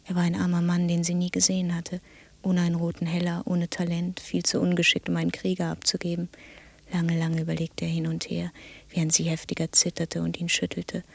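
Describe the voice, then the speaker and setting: An actress narrating a grim fairy tale in a radio play, hushed and often half-whispered. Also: female voice, lowish voice, completely flat delivery, brisk, gravelly, slightly rough. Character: storyteller woman reciting a grim fairy tale. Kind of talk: scripted narration.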